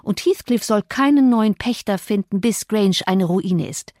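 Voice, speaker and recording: A woman's voice: medium pitch, a little slow, darkish tone, no echo, studio quality, close to an everyday voice. A woman voicing a cold, spiteful young mistress of the house who speaks cuttingly and curses. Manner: cutting, cursing.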